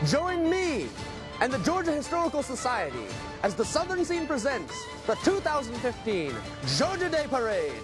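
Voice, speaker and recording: A man's voice: very high voice, huge pitch swings, normal speed, exaggerated voice. A young man playing a proud historic Spanish explorer, with a grand, theatrical, declamatory delivery as a TV presenter. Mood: proud, proclaiming. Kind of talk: costumed scripted presenter for broadcast. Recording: loud music bed.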